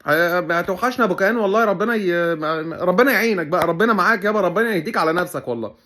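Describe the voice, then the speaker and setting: A man's voice: high-pitched, very fast, bright, forceful tone. A man with an Egyptian Arabic accent hosting a comedy show, giving sarcastic, mock-serious commentary in a teasing way.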